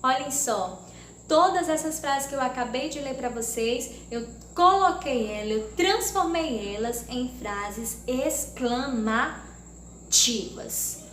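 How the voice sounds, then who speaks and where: A woman from Brazil teaching a grammar lesson to young children, speaking slowly and deliberately and exaggerating her intonation when she reads example sentences. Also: sits high, a bit bright. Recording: echoey room with faint background noise.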